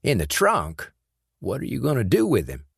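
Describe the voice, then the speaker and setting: A man voicing a gruff Southern friend with a gravelly voice and a plain, blunt drawl, in an audiobook. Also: medium pitch, wildly swooping pitch, normal speed, dry recording, studio quality, voice pushed up, heavily acted.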